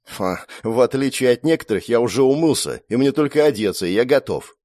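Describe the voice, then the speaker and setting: A man's voice: medium pitch, very animated, quick pace, darkish tone, no echo, studio quality, pitched above the performer's own voice. A man voicing a boastful, cheeky teenage boy who teases his older sister. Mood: cocky. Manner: boastful, cheeky, whiny when dreaming. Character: cocky teenage boy, younger brother, daydreamer.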